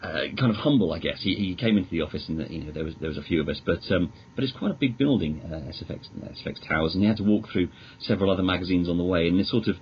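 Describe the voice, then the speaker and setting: He's a podcast guest and magazine editor with a British accent, talking very fast at a low pitch and barely pausing. His casual interview chat wanders and hesitates but stays eager, captured in noisy, dull lo-fi audio.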